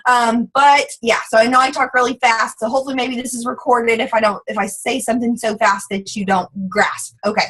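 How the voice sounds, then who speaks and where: A woman with a Southern accent who talks fast and bubbly, with lots of "like", speaking as a guest on a video call. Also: a little high, steady tone, fairly bright tone, breathy edge, rough recording. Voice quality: fast, bubbly, says "like" a lot. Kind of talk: casual team call talk.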